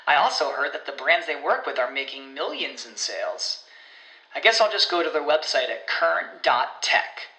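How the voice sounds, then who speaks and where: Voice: mid-range voice, expressive, moderate pace, pushed and bright, reverberant, rough recording. A person leaving a chatty, amused voicemail in a scripted ad. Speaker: ad voicemail caller. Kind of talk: scripted comic ad.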